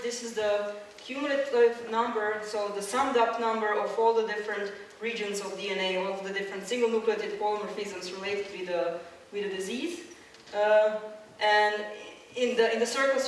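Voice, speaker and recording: With a mid-range voice, a woman from Croatia presents a slide-based public science talk in a lecture hall. Her step-by-step explanations are full of fillers and restarted sentences. Some background noise comes through, and the far-off mic picks up the hall's echo.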